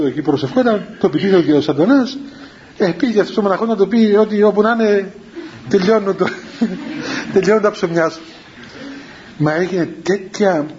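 High-voiced monk giving a rambling talk. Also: male voice, darkish tone. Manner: rambling storytelling, repeats phrases, addresses listeners as children. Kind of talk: spiritual talk with anecdotes. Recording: dull lo-fi with faint background hiss.

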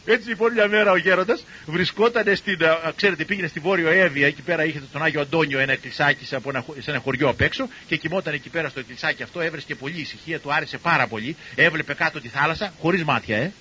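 An older man, a cardiologist, tells stories to an audience in a lively way and acts out the people he quotes. His voice is husky. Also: a little high, few pauses, lo-fi sound, slight background noise. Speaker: cardiologist and university professor giving a talk. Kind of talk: storytelling talk to an audience.

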